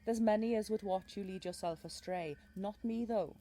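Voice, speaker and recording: A woman with a Welsh accent voicing a mysterious, protective fae guide in an intimate audio role-play, with lyrical, gently commanding phrasing. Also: mid-range voice, normal speed, natural voice. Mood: solemn, cautionary. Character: mysterious female fae guide, protective, wry, ancient storyteller.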